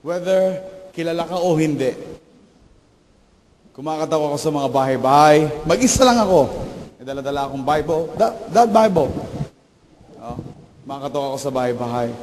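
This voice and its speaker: A middle-aged man preaching with a high, bright pitch for a male voice. His delivery is animated, and he slips into the voices of the people in his stories. The sound rings out with a long church-hall reverb. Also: normal speed, long pauses, a little hiss or hum. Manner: animated, acts out quoted voices. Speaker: pastor. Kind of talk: Taglish sermon storytelling. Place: church sanctuary.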